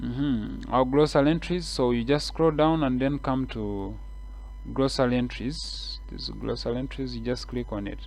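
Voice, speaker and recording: A mid-range male voice with a Kenyan English accent, moving a little slowly, takes viewers through a screen-share tutorial step by step. His explanations are relaxed and repetitive, and he uses fillers often.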